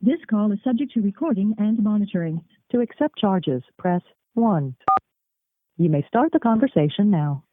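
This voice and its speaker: Role: automated collect-call operator. Sex: woman. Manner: flat, scripted, procedural. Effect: heard over a payphone call line. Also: mid-range voice, moderate pace, dry recording. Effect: phone line, like a payphone call. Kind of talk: recorded phone announcement. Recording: tinny phone line.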